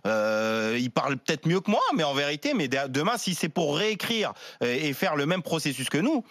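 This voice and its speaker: A man on a radio talk show panel, speaking in a halting way full of restarts. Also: a little high, lively intonation, fairly bright tone, no room sound, studio quality. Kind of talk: casual debate chat.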